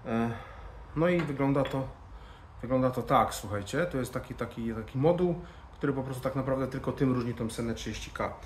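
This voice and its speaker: Brisk and medium-pitched, this man runs through a hands-on tutorial in an informal, casual manner, frequently muttering to himself during the work. He's a motorcycle vlogger, recorded in an indoor garage-bar lounge with background noise and a roomy echo.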